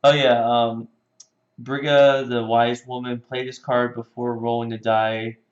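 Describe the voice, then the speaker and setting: In casual board game chat, a newcomer to the game quietly thinks aloud and asks about the rules, sounding unsure. His medium-pitched voice barely moves in pitch and keeps a measured pace. The recording is reverberant, dull and lo-fi.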